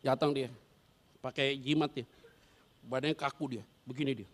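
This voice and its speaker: A man's voice: medium pitch, moderate pace. A male pastor preaching a sermon, telling stories with acted-out scenes, using casual slang and quizzing his congregation. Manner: animated storyteller who acts out scenes and quizzes the congregation.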